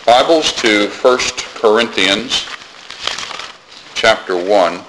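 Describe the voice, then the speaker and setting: A preacher delivers a sermon in a measured, unhurried way, stopping often on "uh" to gather his thoughts. His voice sits fairly low yet has a bright, forceful edge. Faint noise runs beneath it. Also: rough recording. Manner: measured, with frequent "uh" pauses; soft-spoken in prayer.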